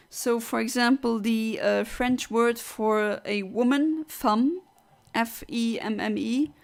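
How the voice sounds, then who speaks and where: A woman's voice: on the high side, creaky. A woman from southern Luxembourg, chatting casually on a gaming livestream, rambling as she reads out and answers chat. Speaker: streamer.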